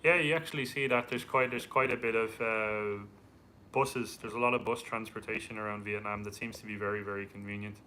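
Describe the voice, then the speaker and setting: A man's voice: on the low side, fairly even intonation, a little fast, sharp tone, a little hiss or hum. A thirty-year-old man with an Irish accent, chatting casually as a live stream host and reading out viewer comments. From Ireland. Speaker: travel vlogger co-hosting a live Q&A.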